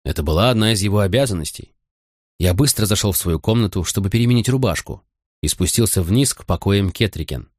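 A man narrating an audiobook in the first person, with measured, even storytelling. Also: on the low side, no room sound, studio quality.

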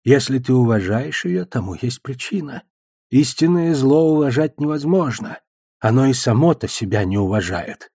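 Audiobook: musing older wizard, male narrator voicing him, mellow, husky and dry. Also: mid-range voice, lively intonation, normal speed, no room sound. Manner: wandering, thoughtful.

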